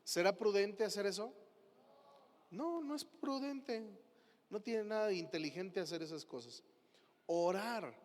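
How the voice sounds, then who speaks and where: A man with a Mexican Spanish accent preaching a sermon as pastor, asking the congregation questions. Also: sits high. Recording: long hall reverb.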